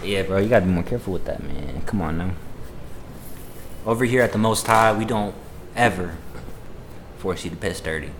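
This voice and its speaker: Lowish-voiced laid-back man hosting, echoey room. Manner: laid-back, bro-heavy, swearing, quick to joke. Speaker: podcast host. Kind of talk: casual, slangy banter. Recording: echoey room, clear background noise.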